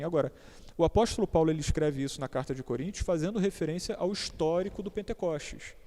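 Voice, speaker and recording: With a warm tone and a voice on the high side, this Brazilian man teaches a church topic as a panel member in a church hall. His Brazilian Portuguese-accented delivery is conversational and hesitant, with repeated words and offhand asides. Long hall reverb colors the recording.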